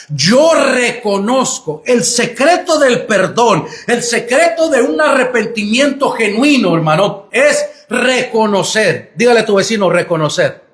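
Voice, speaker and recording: A man's voice: extremely high pitch, fairly bright tone. A male pastor preaching a sermon in a church, emphatic and repeatedly calling listeners brother. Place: church sanctuary. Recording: echoey church room.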